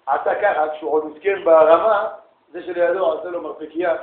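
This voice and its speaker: A man giving a humorous talk to yeshiva students, animated and acting out exchanges in quick bursts. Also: a little high. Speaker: yeshiva lecturer. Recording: echoey room, tinny phone-like sound.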